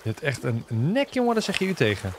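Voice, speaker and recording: A man's voice: fairly high pitch, wildly swooping pitch, fast talker, slight background noise. A man casually commentating on a game he is playing, joking and bantering with the characters on screen. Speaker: gaming video host. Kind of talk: casual let's-play commentary.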